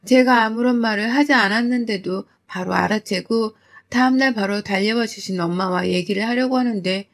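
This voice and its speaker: Woman narrating a sad confessional story. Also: fairly high pitch. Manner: plaintive, confessional. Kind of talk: first-person story narration.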